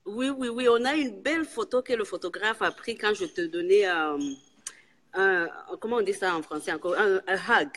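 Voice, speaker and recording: A woman's voice: medium pitch, moderate pace, fairly bright tone. A woman from Burundi on a video call from her workplace, giggling and stumbling over words. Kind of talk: casual video call chat. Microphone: phone on a video call.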